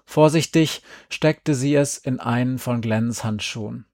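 A man reading a story aloud in a calm, even storytelling manner. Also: mid-range voice, a little slow, no echo, studio quality. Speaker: narrator. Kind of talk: audiobook narration.

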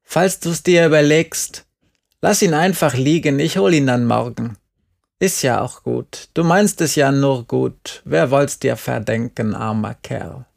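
A man voicing a stubborn, weary old farmer in an audiobook, speaking in a slow, drawn-out grumble. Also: mid-range voice, gravelly, a little mellow. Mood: grumbling. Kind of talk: audiobook character voice.

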